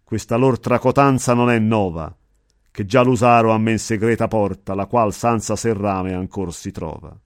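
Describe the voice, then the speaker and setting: A man voicing a wise old male poet guide, speaking in calm, measured verse. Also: lowish voice, no echo, studio quality, close to an everyday voice. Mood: reassuring. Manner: measured, solemn recitation of verse.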